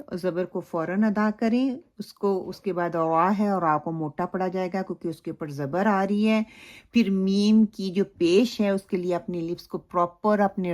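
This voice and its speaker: A woman teaching Quran recitation. She explains pronunciation slowly and then recites phrases in a drawn-out way. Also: fairly low pitch, a little mellow. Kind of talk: recitation lesson with model recitation.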